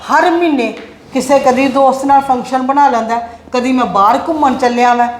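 A woman's voice: high voice, brisk, lightly acted. Woman playing a strict scolding mother. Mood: pleading. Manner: scolding, lecturing, exasperated. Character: strict frugal mother of two sons. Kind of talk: family drama acting. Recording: echoey room with faint noise.

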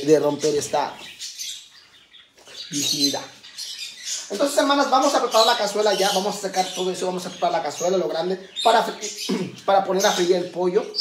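A man chatting on a home livestream, campy and self-mocking, calling his viewers sisters. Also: on the high side. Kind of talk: casual livestream chat. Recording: echoey room, faint background noise.

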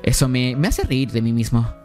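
A man's voice: medium pitch, expressive, normal speed, a little mellow, faint music behind, pitched below the performer's own voice, lightly acted. A man reading a shy, sad young pianist. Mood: subdued. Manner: hesitant, subdued.

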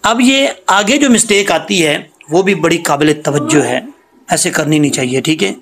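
A man with a high, gravelly voice runs a screen-recorded lesson at his computer, explaining each rule patiently. He repeats the words slowly and stretches the recited phrases out in a chant. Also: expressive, a bit bright, a little hiss or hum. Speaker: Quran reading teacher.

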